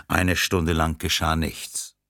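A man reading a thriller audiobook in a steady, measured narration. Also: a bass voice, gravelly, no room sound, clean studio sound.

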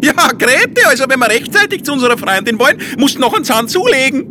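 A man voicing a cheerful fairground jester with a high, shrill market-crier manner. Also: big pitch swings, fast, background noise. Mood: eager. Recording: music playing under the voice.

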